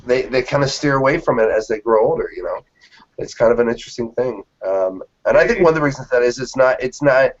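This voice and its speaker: A man in his late thirties, a magician telling stories in a casual interview and acting out the reactions of the people in them. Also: mid-range voice. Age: 30s. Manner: animated storyteller, acts out quoted reactions. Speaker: magician guest. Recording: dull lo-fi interview audio.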